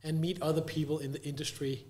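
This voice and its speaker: A man with a fairly high voice explains things conversationally, restarting and repeating words as he goes. He reaches for simple everyday images. The recording is echoey, from a live event room. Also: little pitch movement, quick pace, darkish tone. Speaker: guest panelist. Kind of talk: casual panel chat. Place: live conference venue.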